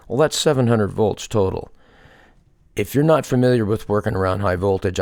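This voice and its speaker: With a deep, creaky voice, a hobbyist restorer presents his project in an unscripted, casual show-and-tell, hesitating as he thinks aloud. The studio sound is clean, without any room sound.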